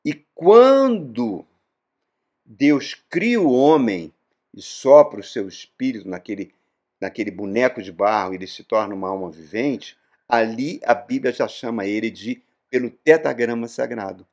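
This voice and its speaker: A man preaching a sermon. He tells the story with emphatic swings in loudness and acts out the quoted voices. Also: mid-range voice, expressive, a little slow. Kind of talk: sermon teaching.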